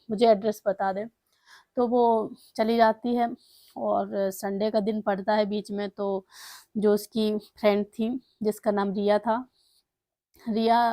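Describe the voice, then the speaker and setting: A woman's voice: medium pitch, mellow, no echo. A woman casually telling a family story, retelling the dialogue in her plain voice with fillers and restarts.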